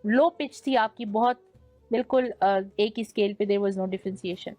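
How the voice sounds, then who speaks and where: A woman's voice: mid-range voice, measured pace, mellow, dry recording, faint music behind. A young woman with a Pakistani Urdu accent, judging a naat competition and giving teacherly feedback that mixes in English words. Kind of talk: judge's critique.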